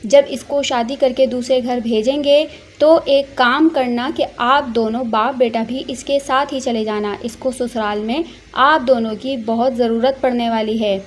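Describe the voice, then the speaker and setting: A woman's voice: high voice, normal speed, a little hiss or hum, close to an everyday voice. A woman voicing a stern, exasperated middle-aged mother who scolds and reasons. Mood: sarcastic.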